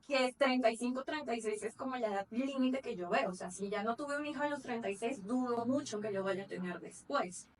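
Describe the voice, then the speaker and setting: A woman's voice: fairly high pitch, fairly quick, hardly any pauses, distant mic. A woman in her thirties co-hosting a podcast, talking in a reflective, earnest way and correcting herself as she goes. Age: 30s. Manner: reflective, earnest, talks at length with self-corrections. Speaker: podcast co-host. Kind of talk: casual chat.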